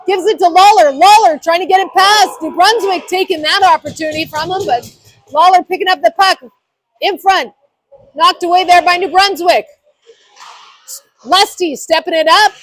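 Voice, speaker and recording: A woman with a high voice gives live hockey commentary. She calls the play in short, clipped phrases as a play-by-play announcer. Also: no echo.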